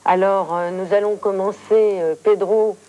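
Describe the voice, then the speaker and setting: A woman hosting a formal TV interview, speaking in measured, eloquent phrases. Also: mid-range voice, fairly even intonation, dark tone.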